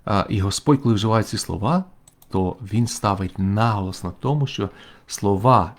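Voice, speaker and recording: Low-voiced man teaching scripture. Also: darkish tone. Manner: measured, explanatory, frequent "uh" fillers while working through Greek. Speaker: bishop teaching a Bible class. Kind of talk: remote Bible study lecture.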